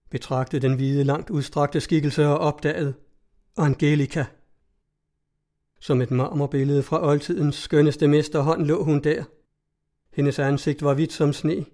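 A man reads an old tale aloud in a measured, solemn storytelling voice. His tone is mellow and soft-edged, sitting somewhat high for a man. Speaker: narrator. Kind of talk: scripted narration of a story.

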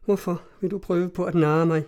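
A man reading aloud puts on a fragile young woman, lost in confusion, who clings and pleads in a soft, trembling, raised voice. Her words come hushed and anxious, the tone mellow and dark underneath. It plays like a storybook heroine caught in grief. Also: sits high, steady tone, pitched above the performer's own voice, lightly acted. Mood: anxious pleading. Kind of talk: audiobook reading.

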